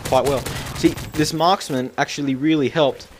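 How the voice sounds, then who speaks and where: A man's voice: a little high, steady tone, moderate pace, background noise. A young man giving casual, rambling commentary over his own gameplay, full of fillers. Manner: rambling, filler-heavy, chatty.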